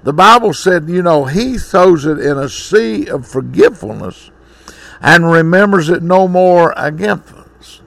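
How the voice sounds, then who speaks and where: A man's voice: a little high, expressive, measured pace, vocal fry, a bit bright, dry recording. A man preaching a sermon, reading scripture and then exhorting in a folksy way.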